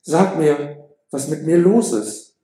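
A man's voice: fairly high pitch, lively intonation, takes it slowly, warm tone, very echoey, voice pushed up. A man voicing an anxious young noblewoman.

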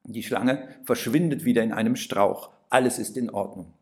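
A man calmly reading a first-person story aloud, gentle and unhurried, with a few lifted exclamations. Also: medium pitch. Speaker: narrator.

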